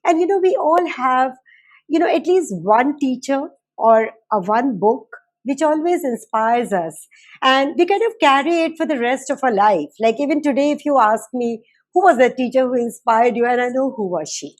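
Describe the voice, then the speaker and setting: A woman with an Indian accent, hosting a formal interview in deliberate, measured phrases. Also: high-pitched, expressive. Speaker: talk show host.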